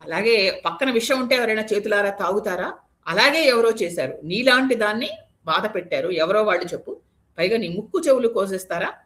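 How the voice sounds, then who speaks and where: A woman's voice: medium pitch, animated, fairly quick, fairly bright tone, lightly acted. A woman voicing an enraged male demon warrior who demands to know who hurt his sister, speaking in angry, threatening rhetorical questions.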